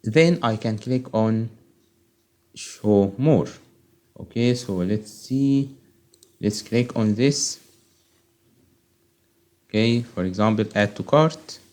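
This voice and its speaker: A fairly low, darkish male voice moves slowly, with long pauses between phrases. The speaker, a native Arabic speaker with an Arabic accent, works as an online instructor running an informal step-by-step screen tutorial and regularly checks in with "okay?"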